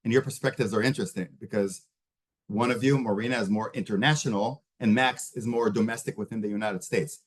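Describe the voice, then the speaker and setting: A man's voice: lowish voice, steady tone, brisk, husky. A man moderating a panel, asking long, rambling questions. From Israel. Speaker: host, moderator.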